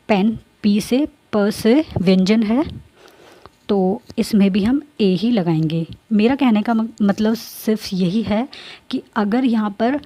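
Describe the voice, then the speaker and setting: Woman teacher, mellow tone, patient and repetitive classroom delivery. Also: mid-range voice. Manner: repeats points, checks in with students. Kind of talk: classroom grammar lesson.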